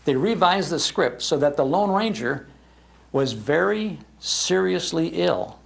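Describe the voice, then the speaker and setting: At a public library, an older American man tells nostalgic stories about old-time radio history with obvious enthusiasm, acting out the quoted lines. His voice is a little high, expressive and creaky, and he talks a little slowly.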